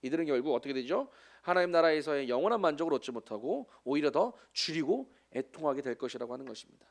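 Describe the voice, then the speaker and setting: A man's voice: a little high, expressive, fast, vocal fry. A man in his forties with a Jeolla Korean accent, a missionary preaching a sermon with chatty, joking asides to the congregation. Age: 40s.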